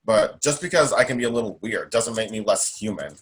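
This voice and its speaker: In an interview, a young male guest with a lowish, animated voice talks fairly quickly. He's a self-advocate who sounds strong, emphatic and outspoken, often repeating his points.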